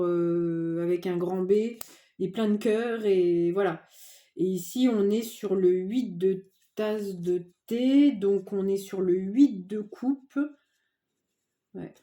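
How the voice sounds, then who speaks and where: A woman giving a casual tarot reading to viewers, chatty and informal, often pausing with fillers. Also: mid-range voice, dark tone. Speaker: tarot card reader.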